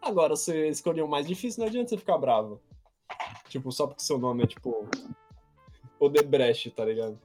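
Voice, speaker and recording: A young man with a Brazilian accent chatting casually in an animated, slangy way, telling stories and slipping into mock speeches. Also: on the high side, a little fast, long pauses, soft background music. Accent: Brazilian Portuguese. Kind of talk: casual chat.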